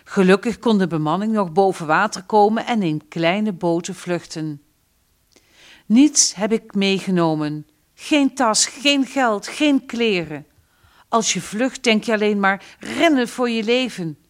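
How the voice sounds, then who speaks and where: Woman voicing a prideful, quick-tempered father from a storybook. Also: mid-range voice, lively intonation, natural voice. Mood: earnest. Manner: gruff, quick to flare up. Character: Surinamese father, a proud navy man.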